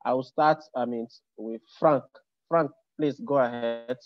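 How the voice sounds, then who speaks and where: Moderating an online meeting, this webinar host speaks formally but frequently hesitates and repeats himself. His medium-pitched voice is unhurried and fairly even, with soft music in the background of the dry, dull video-call recording.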